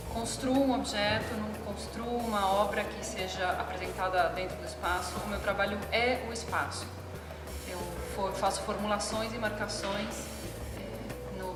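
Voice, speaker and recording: A woman from Argentina, a visual artist, calmly explaining her work in an interview and often restarting her phrases as she thinks. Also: mid-range voice. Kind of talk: interview monologue. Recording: echoey hall with music behind.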